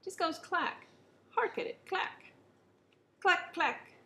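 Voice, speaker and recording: A woman voicing a loud, bossy king of the snakes who roars and shouts his lines in a children's storybook. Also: mid-range voice, normal speed, slight background noise, close to an everyday voice. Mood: roaring. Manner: roaring, shouting.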